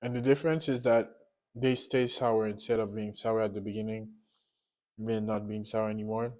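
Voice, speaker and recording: Low-voiced man tasting sour candy. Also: little pitch movement, a little mellow. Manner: unscripted, halting, repeats and rephrases himself. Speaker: candy reviewer. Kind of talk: casual taste-test review.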